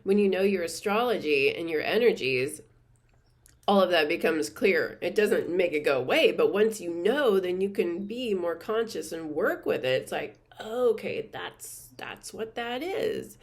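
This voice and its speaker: A woman hosting her own channel, chatting earnestly and reflectively to camera, with many fillers and soft laughs. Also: fairly low pitch, expressive, normal speed. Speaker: spiritual teacher and channel host. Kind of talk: casual reflective monologue to camera.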